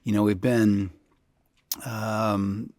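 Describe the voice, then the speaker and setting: Low-voiced man with allergy-rough throat. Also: level tone, extremely slow, darkish tone, no room sound. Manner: rambling, with restarts and laughter. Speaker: podcast co-host. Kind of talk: casual conversational podcast.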